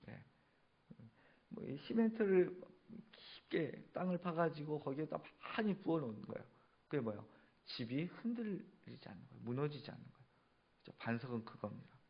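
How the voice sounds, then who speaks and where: A man's voice: on the high side, gravelly, husky, muffled recording. A male pastor preaching a sermon, asking the congregation questions and answering them himself. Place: church sanctuary.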